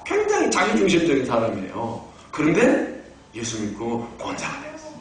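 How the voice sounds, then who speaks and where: A man's voice: a little high, wildly swooping pitch, a little fast, slight background noise. A man in his fifties, a pastor preaching a sermon, telling personal stories and putting questions to his congregation. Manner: storytelling, asks the congregation questions. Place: church sanctuary. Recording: very echoey church hall, voice from a distance.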